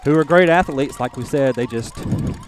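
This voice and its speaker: A man calls live football play-by-play from an outdoor stadium. He narrates each snap briskly as it unfolds. A faint hum of background noise sits under his voice. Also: on the high side, wildly swooping pitch. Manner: brisk, calls plays as they happen. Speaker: play-by-play announcer.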